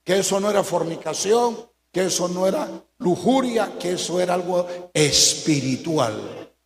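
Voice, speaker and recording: A man preaching a fiery sermon in a high, ringing voice. He drops to a hush, then rises to shouted warnings. The echoey hall holds a long reverb on every phrase. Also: lively intonation, unhurried. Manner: preaching with swings from hushed to shouted. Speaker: pastor.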